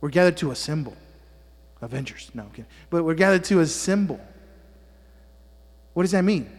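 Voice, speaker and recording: A man preaches as pastor in a church sanctuary, his slightly high voice expressive and fairly quick, followed by a long reverb tail. He's a native Spanish speaker who teases his listeners with jokes and keeps checking in with "amen?"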